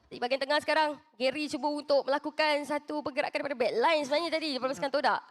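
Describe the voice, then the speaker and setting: A woman's voice: high voice, very fast, dry recording, studio quality. A woman with a Malaysian accent doing urgent live play-by-play of an esports match, narrating each action as it happens.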